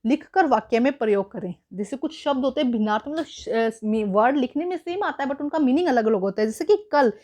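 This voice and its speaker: A woman teacher walks students through a school worksheet, patient and explanatory, slipping English words into her talk. Her voice is high. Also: lively intonation, fairly quick, few pauses, darkish tone.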